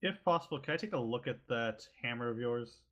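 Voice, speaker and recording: Medium-pitched man playing a tabletop game. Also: animated, brisk, a bit bright. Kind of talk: casual in-game talk.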